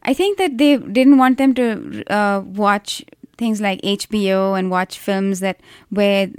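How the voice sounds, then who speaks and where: Indian woman, smooth clear voice, thoughtful guest in an interview, dry close sound. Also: medium pitch, slow, no room sound. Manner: thoughtful, explanatory, with frequent restarts and hedges. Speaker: interview guest, researcher of call centers. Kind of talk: conversational interview.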